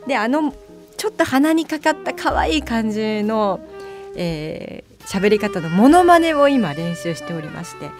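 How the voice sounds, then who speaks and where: A woman hosting a late-night radio talk show as a bar mama. She is chatty and playful, with drawn-out fillers. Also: medium pitch, sing-song, over music.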